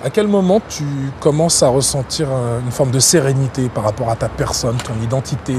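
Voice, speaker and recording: A man's voice: medium pitch, brisk, background noise. A man interviewing a guest in a casual, informal way, prompting him with short replies.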